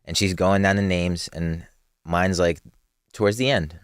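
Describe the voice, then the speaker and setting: A young man with a very deep, low voice talks as a podcast guest. He is relaxed and slangy and laughs easily. The sound is dry and close to the mic. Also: unhurried, clear, resonant tone, no echo. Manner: laid-back, laughs often, street slang. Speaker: podcast guest, clothing brand co-owner. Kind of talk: casual podcast chat.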